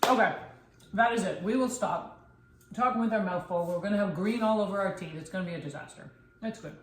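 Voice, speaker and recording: A woman hosting a casual cooking vlog in her kitchen, gushing and chatty. Her voice sits at an ordinary medium pitch. The room is echoey and carries a faint background hiss. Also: fast talker. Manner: enthusiastic, gushing. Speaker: cafe owner and cooking video host.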